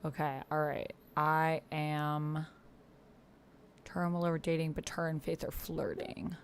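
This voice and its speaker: Low-voiced and level in tone, this livestream host keeps a measured pace as she plays a text roleplay game. She murmurs to herself as she reads and types, reacting out loud, while the clack of a computer keyboard sounds behind her.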